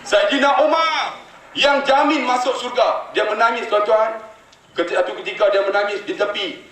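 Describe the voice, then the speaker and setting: A man's voice: sits high, moderate pace, slight background noise. A man preaching a sermon, telling stories and speaking straight to his listeners. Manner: animated storytelling, addresses the audience directly. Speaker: religious preacher. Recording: echoey hall, mic from a distance.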